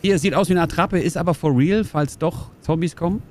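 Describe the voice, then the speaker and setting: A woman streaming a simulator game, chatting excitedly and joking with her viewers. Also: lowish voice, a little fast. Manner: excitable, jokey, talks to viewers. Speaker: gaming streamer. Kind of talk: casual gameplay commentary.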